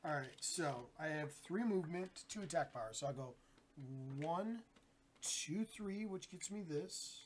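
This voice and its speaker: A man's voice: a little high, animated, measured pace, a little hiss or hum. A man casually explaining rules and cracking pop-culture jokes while playing a board game.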